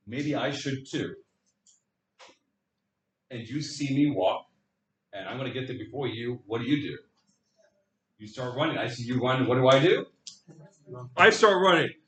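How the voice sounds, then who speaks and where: A male economics lecturer teaching a class, acting out little scenes and putting questions to his students. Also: fairly high pitch. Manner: lively storytelling, acts out scenes, asks students questions. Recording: echoey classroom, voice from far off.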